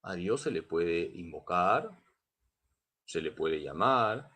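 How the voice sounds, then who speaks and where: Emphatic priest, slow and lively. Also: male voice, low-pitched, slightly rough. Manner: emphatic, repeats key points for teaching; addresses listeners as brothers. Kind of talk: catechism class.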